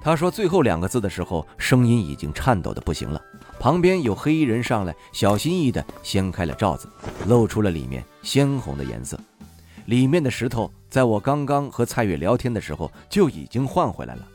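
A man narrating a novel in the first person, wry and expressive. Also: on the low side, a little fast, faint music behind. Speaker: audiobook narrator.

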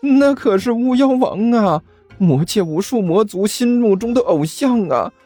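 A man voicing an excitable, stammering male low-rank demon servant who gushes about his idols. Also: measured pace, dry recording, faint music behind. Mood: eager. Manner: stammering, breathless and gushing.

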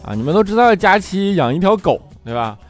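A man's voice: high-pitched, sing-song, a little fast, soft background music. A man doing a stand-up comedy monologue, telling chatty stories and often checking in with the audience. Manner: chatty storytelling, keeps asking the audience "right?". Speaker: comedian host.

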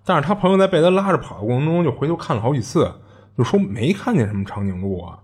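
A man's voice: mid-range voice, very animated, fast, a little mellow, slightly rough. A man telling a strange tale in a chatty, rambling podcast style. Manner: chatty, rambling, many fillers and restarts. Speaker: podcast host. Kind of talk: casual storytelling.

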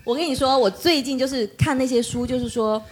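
一位三十多岁的女人在播客中闲聊，讲自己带孩子的经历，常模仿别人说话的语气。. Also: female voice, high voice, a little fast, breathy edge. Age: 30s. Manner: animated storyteller acting out quoted dialogue. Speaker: podcast guest. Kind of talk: casual chat.

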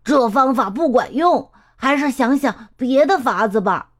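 A woman voicing a fretful male chameleon in a children's storybook, whining in a slow, drawn-out way. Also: high voice, expressive. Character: fretful male chameleon who cannot change color. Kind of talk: storybook character voice.

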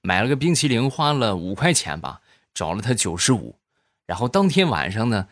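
A man with a fairly low voice tells short comic stories, and his pitch swings widely as he talks. His delivery is chatty and animated, and the sound is dry and close to the mic. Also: moderate pace, no room sound. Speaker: comedian telling jokes. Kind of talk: comic storytelling.

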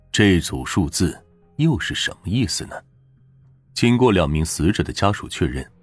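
A man narrating true crime from a script in a measured, serious storytelling way. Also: deep voice, slightly rough. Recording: roomy echo with faint music. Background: faint background music.

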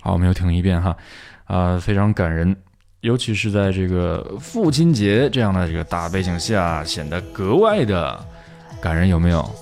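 A man's voice: deep voice, expressive, moderate pace, darkish tone, soft background music. A man teaching English in a casual online lesson, chatty and self-correcting with many fillers.

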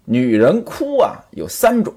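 A man's voice: fairly high pitch, huge pitch swings, measured pace, darkish tone, husky. A man telling a traditional story with commentary and chatty asides to the listener.

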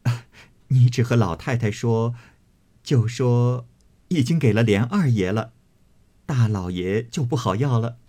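A man reading the part of a calm, worldly young maidservant who speaks softly and warns. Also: medium pitch, unhurried, close to an everyday voice. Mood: teasing. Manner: soft, cautioning.

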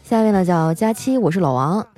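A woman's voice: lowish voice, expressive, a little fast, mellow, faint music behind. A woman radio host reading out listener jokes in a playful, teasing way and laughing often.

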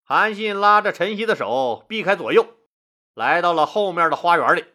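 A man telling history stories as host of an audio show, lively and colloquial with asides. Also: high-pitched, moderate pace. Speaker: storyteller host. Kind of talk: history storytelling.

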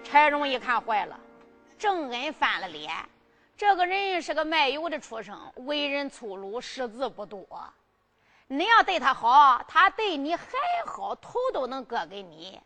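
A woman's voice: sits high, sing-song, sharp tone, soft background music. Woman singing a ballad tale. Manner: drawn-out sung phrases with exclamations. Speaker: storyteller. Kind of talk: traditional sung and spoken ballad storytelling.

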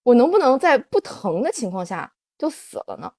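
Host note: a woman telling her life story, lively swinging pitch, dry close sound. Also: normal speed, no echo. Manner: animated, confessional, many fillers. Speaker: podcast host. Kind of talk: personal storytelling on a livestream.

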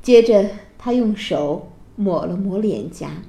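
Slow, expressive woman storyteller. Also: mid-range voice, gravelly. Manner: gentle, expressive reading. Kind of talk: children's story narration. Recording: roomy echo.

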